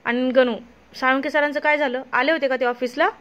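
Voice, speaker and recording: Earnest worried young husband guy voiced by a woman, pleading tone, high pitched, bit lo-fi. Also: fairly even intonation, brisk, a bit bright. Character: young husband, an office clerk, honest and worried.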